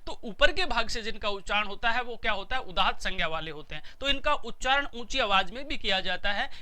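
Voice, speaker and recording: A middle-aged male teacher with a very bright, ringing voice, giving a recorded lecture. He explains patiently, going back over each point in slightly different words. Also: high-pitched.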